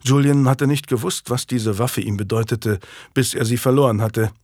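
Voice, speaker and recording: A man narrates a historical novel as an audiobook, reading steadily and evenly. His voice sits at an ordinary male pitch, recorded dry and close with no room sound. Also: moderate pace, darkish tone, no echo.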